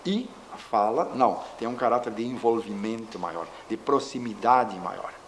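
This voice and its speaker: Man lecturing in measured tones. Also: on the low side, animated, rough recording. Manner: measured, explains with examples and pauses. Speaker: linguistics lecturer. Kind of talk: explanatory lecture. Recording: faint background noise.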